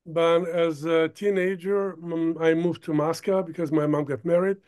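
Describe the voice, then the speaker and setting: An older man from Ukraine, a producer, talking as an interview guest in a halting way, stopping often to search for words. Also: a little high, steady tone, a little mellow, clean tone. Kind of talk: casual interview talk.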